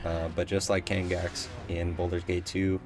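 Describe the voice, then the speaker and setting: A man's voice: low-pitched, level tone, normal speed. A young man giving casual gameplay commentary, rambling and unsure, with many ums. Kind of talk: casual let's play commentary.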